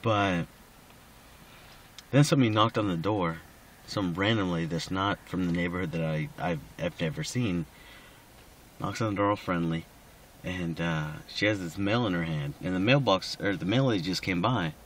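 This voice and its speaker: Drunk, slurry, rambling man with a low voice. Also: normal speed, slight background noise. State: drunk, slightly slurred speech. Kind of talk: casual rambling personal recording.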